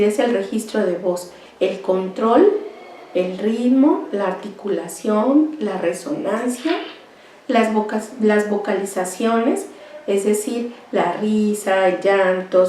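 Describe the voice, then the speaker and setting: Lecturing at a university, a woman explains things slowly and methodically, often tacking on a rhetorical "¿verdad?" and clearing her throat from time to time. Her voice is mid-range and dark, picked up far from the microphone in a reverberant room with a bit of hiss or hum.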